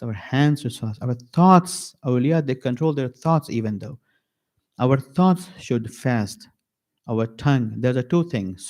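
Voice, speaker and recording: At an Islamic center, a man delivers a mourning sermon slowly and with emphasis, pausing as he repeats key phrases. His voice sits in the mid-range and has a slightly mellow quality.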